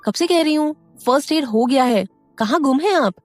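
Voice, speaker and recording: A woman voicing an innocent, feisty young female student in an audio story, speaking quickly and indignantly. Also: high-pitched, expressive, no room sound, faint music behind, pitched above the performer's own voice.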